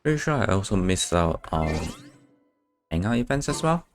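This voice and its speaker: With game music faintly audible, a man streaming his gameplay talks casually and off the cuff, murmuring to himself. He speaks at a moderate pace in a fairly low, sing-song voice.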